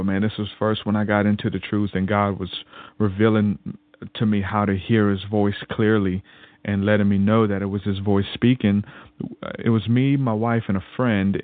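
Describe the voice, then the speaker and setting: A podcast guest tells a personal faith story as casual testimony, rambling, repeating words and restarting sentences. His voice is fairly low, with no room sound, over a tinny phone-like line.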